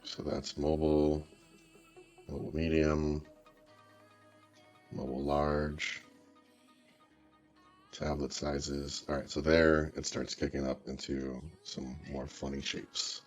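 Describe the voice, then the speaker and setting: Extremely deep voice-changed man. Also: little pitch movement, slow, pauses often, faint music behind. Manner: rambling, hesitant, muttering to himself with many fillers. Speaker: streamer coding a website. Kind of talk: casual think-aloud chat while coding.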